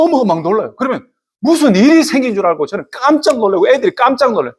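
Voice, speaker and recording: A man preaching a sermon as pastor of a church, animated and expressive, acting out surprised voices. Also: high-pitched, slightly rough. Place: church service.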